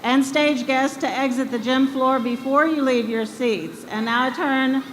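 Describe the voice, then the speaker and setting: A woman's voice: sits high, fairly even intonation, unhurried. An American woman giving a formal ceremonial address at a podium microphone, over an echoey PA in a noisy gym. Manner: speaking at a podium microphone to a hall. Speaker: school official presiding at graduation. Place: school gym with PA system.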